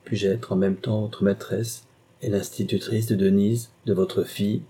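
Male reader doing an anguished young governess in love, husky, raised pitch, audiobook. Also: flat delivery, unhurried, dark tone. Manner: impassioned, pleading. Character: passionate young woman governess torn by love. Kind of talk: audiobook dialogue reading.

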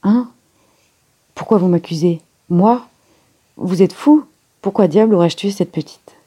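Woman reader playing an indignant young man: hurried, defensive, husky. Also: lowish voice, dark tone. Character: agitated young man accused, quick-tempered.

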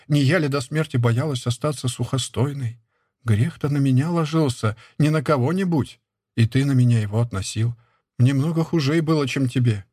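A man's voice: medium pitch, darkish tone, husky, no room sound, studio quality, natural voice. A man reading a young village wife who pleads and frets in a raised, plaintive voice. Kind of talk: audiobook character reading.

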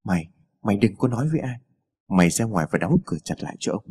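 Brief: man playing a rattled rich boss, stammered hushed orders, husky, audio story. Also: lowish voice, lively intonation, quick pace, voice pushed down. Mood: frightened hushed. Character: rich old master, shaken and secretive.

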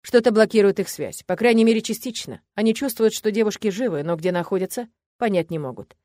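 A woman's voice: mid-range voice, fairly quick, dark tone, no room sound, clean studio sound, lightly acted. A woman voicing a confident, teasing male demon in a romance audiobook. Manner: teasing, sly.

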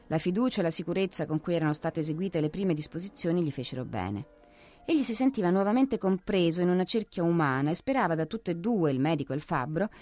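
A woman narrating a classic novel as an audiobook in a steady, expressive reading. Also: on the low side.

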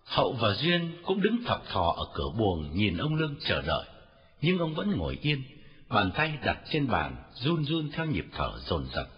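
A man narrating a story with a very expressive, varied delivery. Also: mid-range voice, moderate pace. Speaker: audiobook narrator. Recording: dull lo-fi audio with faint music.

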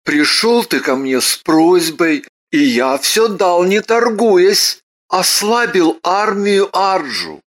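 Woman as hospitable male lord in a storybook; slow, slightly husky. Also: lowish voice, lively intonation. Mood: welcoming. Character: warm welcoming male lord host.

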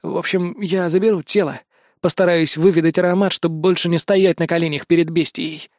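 A man voicing a calm, steady male soldier who speaks quietly and firmly in a storybook reading. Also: on the high side, a little fast, no room sound, clean studio sound, natural voice. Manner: firm, quiet.

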